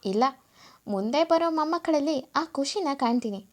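A woman doing a quiet wistful father. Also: high-pitched, animated, moderate pace. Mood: calm.

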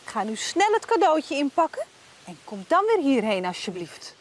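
A woman in her thirties telling a simple story to young children outdoors, with expressive, exaggerated and repetitive delivery. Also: sits high, normal speed. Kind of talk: improvised storytelling for young children with sing-song chanting. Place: outdoor garden set.

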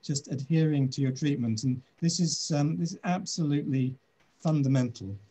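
British doctor in his sixties, video call from his office, husky and mellow, thoughtful with frequent ums. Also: on the high side. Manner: measured, thoughtful, many "um"s. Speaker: doctor answering questions. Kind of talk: webinar Q&A.

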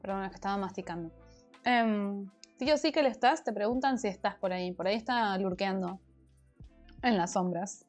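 Faint music plays as a woman from Argentina, speaking Rioplatense Spanish, casually talks with her chat while crafting live, answering comments and going into long explanations as the former language teacher she is. Allergies leave her a little congested, and her medium-pitched voice moves at a moderate pace.

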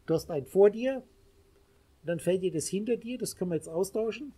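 A man teaches a small group in a spiritual lecture. His voice is mellow and somewhat husky. He talks emphatically, repeats his points and speaks straight to his listeners. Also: high voice, animated, fairly quick. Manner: emphatic, repetitive, addresses listeners directly.

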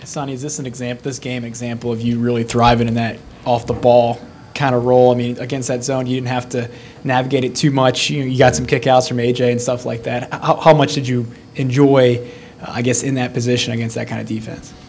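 A man's voice: medium pitch, level tone, brisk, a little mellow, a little hiss or hum. A male sports reporter asking long, rambling questions at a press conference.

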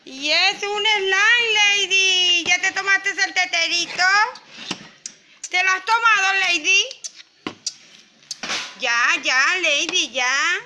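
A woman's voice: very high voice, slow, pauses often, noisy background. A woman with a Latin American Spanish accent, hosting a toy channel and playing mother to a crying baby doll in a sweet, coaxing voice.

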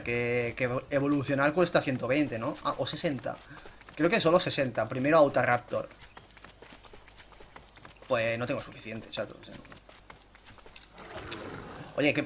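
A young man giving casual, self-mocking gameplay commentary into a desk microphone. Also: slight background noise. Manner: chatty, self-mocking, bursts into excited high shouts. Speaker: gaming YouTuber.

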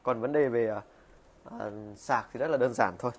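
A man's voice: medium pitch, moderate pace. A man casually demonstrating a coffee maker at his desk, talking with lots of fillers and restarts. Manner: chatty, frequent fillers and restarts. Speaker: product reviewer. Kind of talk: casual product demo vlog. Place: small room at a desk.

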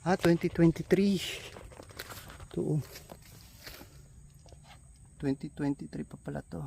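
A man's voice: fairly high pitch, a little slow, vocal fry, a little hiss or hum. A man vlogging as he hikes a steep mountain trail, out of breath, exclaiming often and talking to his viewers. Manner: excited, exclaims often, addresses viewers as trippers. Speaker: travel vlogger. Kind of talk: casual walking travel vlog. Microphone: handheld phone.

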